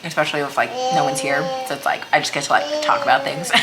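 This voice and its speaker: A woman's voice: deep voice, quick pace, heavy background noise. A woman chats casually over a meal, rambling hesitantly and leaning on "like" as a filler. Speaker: vlogger. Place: small room at home, indoors.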